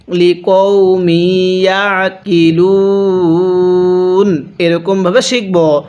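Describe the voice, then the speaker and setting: Patiently laying out each rule, a man with a Bangladeshi Bengali accent teaches how to read the Quran, then recites the words slowly with elongated sounds. His voice is high-pitched.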